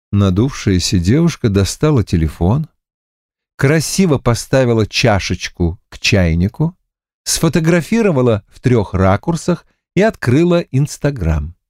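A man reading a novel aloud in an expressive, ironic storytelling style. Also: mid-range voice, no echo, clean studio sound. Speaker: audiobook reader. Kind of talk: storytelling narration.

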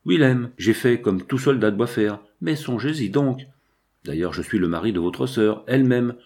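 A man's voice: medium pitch, moderate pace, darkish tone, close to an everyday voice. A man voicing an anguished, remorseful French officer in an audiobook, speaking urgently and pleadingly.

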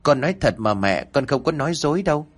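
A man's voice: medium pitch, animated, fast, soft background music, voice pushed up, close to an everyday voice. A man voicing a timid, haunted young boy who stammers hesitantly in a ghost story.

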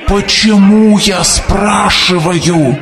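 An older prophet character, voiced by a man for an audiobook: a little high, creaky and dusty, fairly even in intonation, extremely slow, and recorded far from the mic over music. Prophetic and doom-laden, he preaches solemnly to a crowd until he's shouting.

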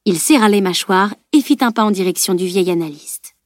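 A woman reading a novel aloud as audiobook narrator, calm and even. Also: mid-range voice, a little fast, no room sound, clean studio sound. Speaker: audiobook reader. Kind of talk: scripted narration.

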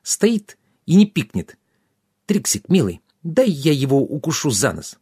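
A man voicing a tiny bossy female fairy with a high, pert, squeaky manner. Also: very animated, measured pace, warm tone, breathy edge, dry recording, studio quality, exaggerated voice. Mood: indignant.

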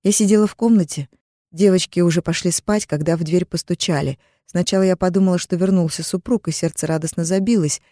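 A woman reads a first-person novel aloud, calm and even. Her voice is warm and mellow, and the recording is dry and close with no room sound. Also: lowish voice, brisk, no room sound. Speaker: audiobook narrator. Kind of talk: first-person audiobook narration.

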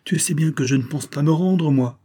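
A man's voice: on the high side, normal speed, mellow, pitched above the performer's own voice, close to an everyday voice. A man voicing a young noble count and beaten soldier who speaks with sorrowful earnestness. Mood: ému.

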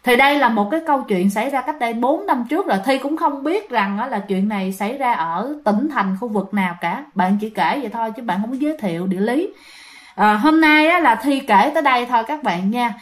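A woman's voice: on the high side, expressive, a little fast. A woman with a Southern Vietnamese accent, casually telling a ghost story as host and often speaking straight to her listeners. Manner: chatty, addresses listeners directly, many fillers.

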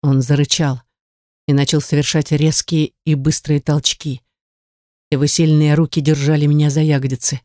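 Brief: female audiobook reader, mellow and dark, dry close read, intimate storytelling. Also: low-pitched, level tone, moderate pace, no echo. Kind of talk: first-person erotic audiobook narration.

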